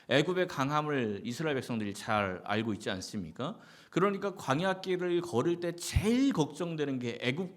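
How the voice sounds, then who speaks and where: A man preaching a Sunday sermon as pastor. He keeps asking the congregation questions and answers them himself, and he slips into short acted-out quotes. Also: mid-range voice. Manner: lively, rising and falling delivery with short acted-out quotes.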